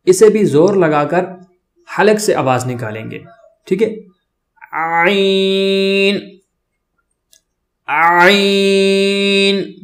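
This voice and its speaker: A man gives a patient beginner pronunciation lesson. He talks through how each sound is made, then holds each letter long and loud, repeating it for the learner. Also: sits high. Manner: explains slowly, then drawls each letter loudly twice. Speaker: Arabic letters teacher.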